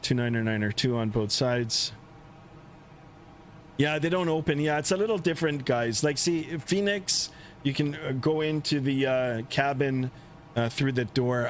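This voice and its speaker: Over the constant drone of an aircraft engine, a man chats casually while hosting a flight sim livestream. His delivery stumbles along, broken up by frequent pauses.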